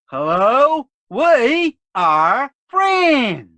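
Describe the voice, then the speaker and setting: A man's voice: very high-pitched, big pitch swings, very slow, bright, forceful tone, no echo, heavily acted. A man voicing a dim-witted, rowdy country bumpkin with a drawl. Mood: folksy. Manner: drawling, hollering.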